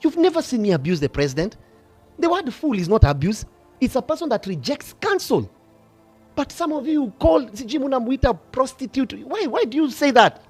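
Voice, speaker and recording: A middle-aged bishop with a Kenyan accent, preaching passionately, swinging from hushed asides to loud rebukes. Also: male voice, extremely high pitch, big pitch swings, normal speed, husky, soft background music. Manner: passionate, switching between whispers and shouting. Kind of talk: fiery sermon.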